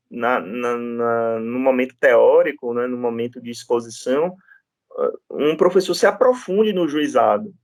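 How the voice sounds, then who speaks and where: With a creaky voice on the high side, a law lecturer teaches through informal stories, his Brazilian Portuguese accent clear. Frequent tag questions keep his listeners engaged in the chatty delivery. There is no echo.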